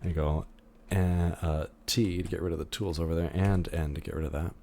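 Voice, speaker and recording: A man instructor giving a casual screen-recorded software tutorial, thinking aloud with many fillers and restarts. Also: deep voice, fairly even intonation, normal speed, vocal fry.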